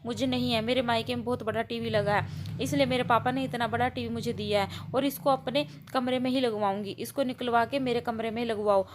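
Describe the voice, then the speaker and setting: A woman's voice: steady tone, fairly quick, slight background noise, close to an everyday voice. A woman voicing a spoiled, bossy young bride. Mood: angry. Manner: complaining, bossy, shrill scolding.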